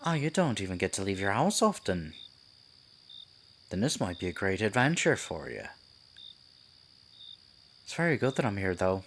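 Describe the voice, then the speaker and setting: A man playing a sinister, silky Pied Piper in an ASMR roleplay, a theatrical storyteller who coaxes and condescends with deliberate delivery. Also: on the low side, very animated, a bit bright, a little hiss or hum. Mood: feigned concern, probing. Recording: night insects and forest ambience behind. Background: crickets, night forest ambience.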